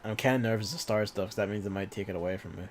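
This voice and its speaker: Low-voiced man with a cough, rambling game commentary. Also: rapid-fire, a little hiss or hum. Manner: rambling, swears offhandedly, muttered asides. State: coughing, irritated throat. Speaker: gaming video host. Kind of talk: casual let's-play commentary.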